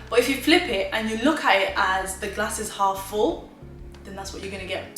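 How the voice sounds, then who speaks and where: A woman's voice: a little high, a bit bright, far from the mic. A woman in her twenties, originally from Zimbabwe, giving emphatic, motivational life advice straight to her viewers in a chatty vlog. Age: 20s. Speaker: vlogger. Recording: roomy echo, mic set back, faint music.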